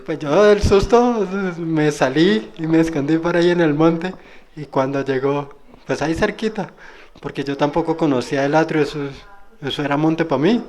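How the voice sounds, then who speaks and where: A man's voice: fairly high pitch, fairly even intonation, moderate pace, a little mellow. A man telling a personal spiritual story in a rambling, folksy way, correcting himself as he goes. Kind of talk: spoken personal testimony.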